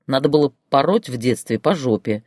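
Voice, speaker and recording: A sulky young man grumbles his defence in a quick, dry, sardonic voice, as a reader voices him. The delivery stays lively in pitch, recorded close and dry. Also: no room sound, natural voice. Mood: grumbling.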